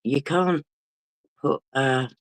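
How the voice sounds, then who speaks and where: Unable to sleep, an English livestream host with a British accent chats casually with viewers over a late-night phone stream. His mid-range voice moves extremely slowly, he's chatty and greets people by name, and there's no room sound.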